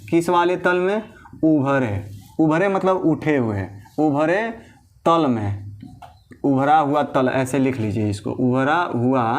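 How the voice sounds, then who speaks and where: A man teaching a physics lesson, drilling a definition step by step and answering his own questions. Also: a little high. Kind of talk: classroom lecture.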